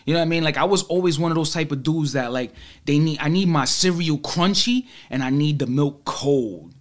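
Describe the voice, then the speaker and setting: A married man telling animated, slangy stories in a casual chat, laughing often. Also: a little high, fairly quick. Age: adult, married.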